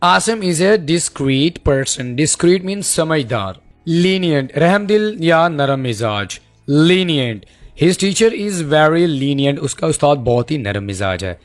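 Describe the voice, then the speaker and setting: Male teacher, fairly high voice, slow deliberate drilling of words, faint music underneath. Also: very animated. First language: Urdu. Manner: repeats each English word slowly, then explains it quickly. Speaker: English teacher. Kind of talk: vocabulary lesson, Urdu explanations.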